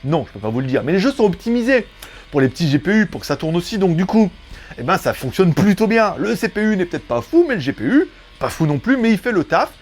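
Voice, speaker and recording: A man's voice: sits high, sing-song, fast. Guy doing a phone review, chatty, jokes around, voice jumps up and down a lot. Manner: chatty, joking, lots of fillers. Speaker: tech reviewer. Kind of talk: casual product review.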